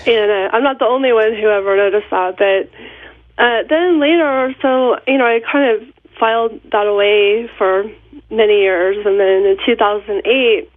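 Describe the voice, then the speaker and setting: Speaking at a normal speed with medium pitch and no room sound, this Seattle-area author calls into a radio interview as a guest. She's middle-aged and stuffed up with a cold, chatting and laughing between thoughts over a tinny, dry phone connection.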